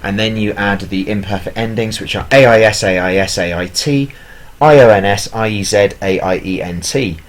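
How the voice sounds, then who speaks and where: Lowish male teacher voice, patient explanatory tone, plenty of fillers. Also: normal speed, slight background noise. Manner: explanatory, with fillers and self-corrections. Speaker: language teacher. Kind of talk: recorded language lesson.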